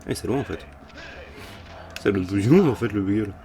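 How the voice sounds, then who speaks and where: Deep-voiced man doing rambling gaming commentary. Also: animated, fairly quick, dark tone. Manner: rambling, jokey, mild swearing. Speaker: gaming video host. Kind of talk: casual playthrough commentary. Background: game music.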